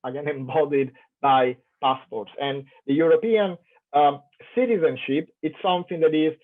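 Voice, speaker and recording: Over an online conference call with tinny audio, an Italian keynote speaker presents an academic lecture at a moderate pace. His voice is on the high side and carries an Italian accent. He comes across as thoughtful, using many fillers and restarts.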